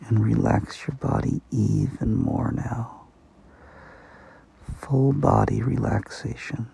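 A man softly guiding a sleep meditation, speaking slowly and slipping into whispers. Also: on the low side, fairly even intonation, gravelly, slight background noise. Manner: slow, soft-spoken, partly whispered. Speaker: meditation guide.

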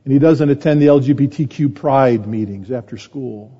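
Husky-voiced pastor in an echoing hall. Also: male voice, medium pitch, moderate pace, warm tone. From United States. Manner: storytelling with a conversational tone, voice rising when stressed. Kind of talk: sermon. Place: conference hall. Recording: muffled conference recording in a reverberant hall.

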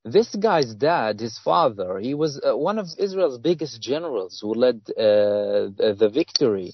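A man from Palestine, a guest author in an interview, talking earnestly and haltingly with many fillers and restarts. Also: medium pitch, dull audio, a little hiss or hum. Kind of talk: interview conversation.

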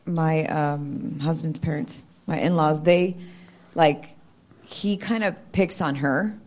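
Woman in a group session with a deep voice; halting, filler-heavy questioning. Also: steady tone, a little mellow. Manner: hesitant, many fillers. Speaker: audience member asking a question. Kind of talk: conversational question.

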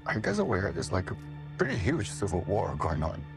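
A low-voiced, urgent male journalist. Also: wildly swooping pitch, a little fast, gravelly, exaggerated voice. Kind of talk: film trailer dialogue. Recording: film audio under loud music.

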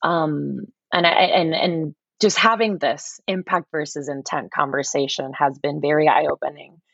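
A Puerto Rican woman, a yoga teacher appearing as a guest on a casual podcast, speaks earnestly and passionately, often repeating words as she begins a thought. Her voice is low, husky and a bit bright, with vocal fry and fairly even intonation, and she takes her time. The recording is dry and dull.

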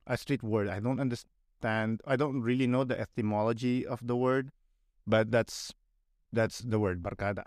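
A young Filipino man from the Philippines, with a Filipino accent and a mid-range voice, appears as a guest on a casual podcast. He talks bluntly and animatedly, swearing and mocking other people in put-on voices. The recording is dry, with clean studio sound.

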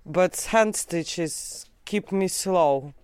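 Slow, clear-voiced man with a Latvian accent. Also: high-pitched, dry recording. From Latvia, Riga. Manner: simple, halting non-native English. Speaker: garment worker in a tailoring workshop. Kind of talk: casual interview answers.

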